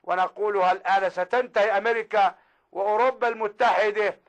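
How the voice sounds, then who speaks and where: A man's voice: high-pitched, fairly even intonation, racing, dull audio. A man preaching a fervent, declaiming sermon.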